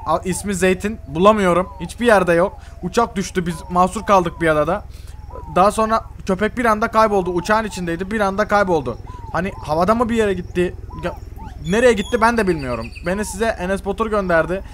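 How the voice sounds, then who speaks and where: Excitable, fast-talking young man. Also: high-pitched, a little hiss or hum. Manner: excitable, exasperated, exclaiming. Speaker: gamer role-playing in a game. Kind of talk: comedic game role-play commentary.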